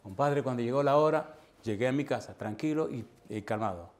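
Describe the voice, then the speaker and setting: A man's voice: mid-range voice, brisk. A man preaching an evangelistic sermon, telling a personal story with animation and putting direct questions to his listeners. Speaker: pastor. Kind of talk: evangelistic sermon with altar call.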